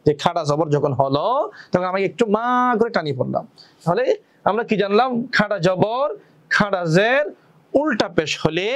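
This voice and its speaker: A man teaching Quran reading in a patient lesson, explaining step by step, asking and answering his own questions, and drawing out recited words slowly. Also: high voice.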